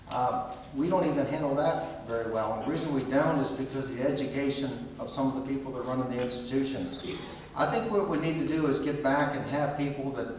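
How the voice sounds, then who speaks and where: A man's voice: medium pitch, a little hiss or hum. A man council candidate giving a plainspoken, blunt answer at a forum. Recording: echoey hall with long reverb, distant mic.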